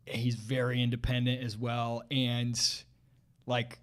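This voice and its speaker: A man's voice: mid-range voice, completely flat delivery, takes it slowly. A middle-aged man co-hosting a podcast, easygoing and self-deprecating, laughing between points. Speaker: podcast co-host. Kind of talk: casual chat.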